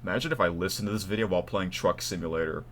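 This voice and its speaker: A man's voice: low-pitched, racing, slight background noise. A man hosting his own channel, talking casually and unscripted, thinking aloud and restarting his takes. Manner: chatty, restarts takes, talks to himself. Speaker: YouTube channel host. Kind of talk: casual unscripted vlog talk.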